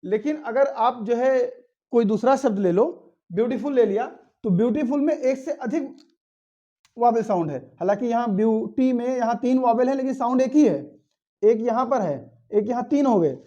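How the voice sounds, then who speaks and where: A man's voice: extremely high pitch, animated, normal speed, dark tone, dull audio. A man giving a step-by-step English grammar lesson, asking questions and then answering them himself. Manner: explains step by step, asks and answers his own questions.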